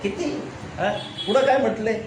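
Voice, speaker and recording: A pastor with a high-sitting voice leads a Bible study at a moderate pace, questioning the congregation and then answering himself. He returns constantly to "right?" in this call-and-response sermon, recorded in an echoey room with background noise.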